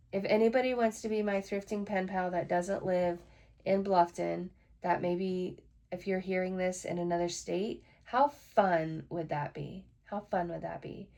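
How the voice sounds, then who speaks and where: Gravelly low-voiced woman podcaster. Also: mellow. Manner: chatty, frank, swears when frustrated. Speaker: podcast host. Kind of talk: casual solo podcast chat.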